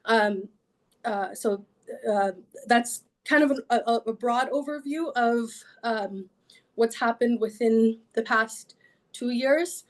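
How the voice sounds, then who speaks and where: A woman lawyer answering interview questions in measured sentences, pausing often on fillers and restarting. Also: a little high. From Sudan.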